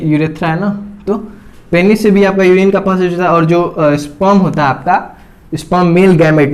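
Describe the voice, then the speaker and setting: A man teaching biology while drawing a diagram, repeating each term and checking in constantly with his students. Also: sits high. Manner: repeats terms, checks in with "theek hai" constantly.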